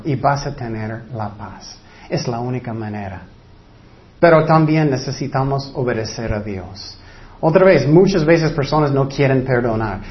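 Man, middle-aged, preacher, earnest sermon, high voice, muffled recording. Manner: earnest, acts out worried people in high anxious voices.

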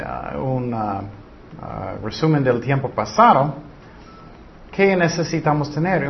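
An earnest man teaching a Bible study, lifting his voice to stress points. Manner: earnest, rises in pitch when stressing points. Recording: slightly dull recording with faint noise.

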